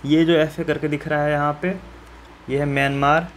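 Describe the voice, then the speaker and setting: A man's voice: fairly high pitch, flat delivery, normal speed, a little hiss or hum. A man teaching students step by step how to fill in a map, in a friendly and reassuring way, often asking viewers questions. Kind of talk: map-filling lesson for school students.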